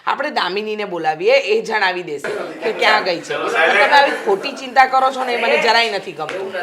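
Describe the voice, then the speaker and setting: A woman's voice: mid-range voice, animated, normal speed, over a noisy crowd, close to an everyday voice. Brief: a woman playing a soothing middle-aged mom in a family drama. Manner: soothing, placating. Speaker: mother. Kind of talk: Gujarati film acting.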